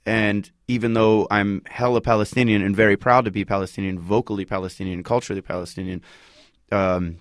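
Chill norcal guy in his 30s, real low voice, slangy and loose, dry close sound. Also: level tone, fairly quick, dry recording. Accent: Northern Californian. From Northern California. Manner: laid-back, loose slangy talk full of likes and you-knows. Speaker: musician guest. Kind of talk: casual interview chat.

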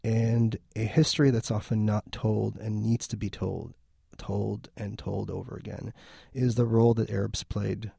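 A man's voice: lowish voice, gravelly, mellow, breathy edge, dry recording, studio quality. A man from Lebanon, a film festival organizer, talking thoughtfully in a radio interview with frequent restarts.

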